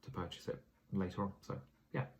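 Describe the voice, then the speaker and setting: A man's voice: low voice, fairly quick, a little mellow, a little hiss or hum. A tired man giving a casual vlog update on his property investing, rambling with plenty of fillers and self-corrections. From England.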